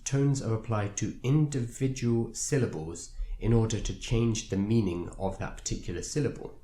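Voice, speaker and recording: A man talks through a language lesson in a patient, explanatory way, pausing now and then on a filler. His voice sits fairly low and sounds warm and mellow. The recording carries a noticeable room echo. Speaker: language teacher. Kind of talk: instructional video narration. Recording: roomy echo.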